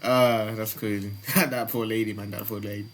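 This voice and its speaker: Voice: mid-range voice, steady tone, normal speed, a little hiss or hum. A host giving casual reaction commentary in slang, breaking into mock-formal rants.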